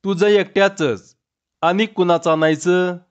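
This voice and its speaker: A woman's voice: fairly low pitch, steady tone, measured pace, lo-fi sound, pitched above the performer's own voice, lightly acted. A man voicing a playful young village wife who teases her husband.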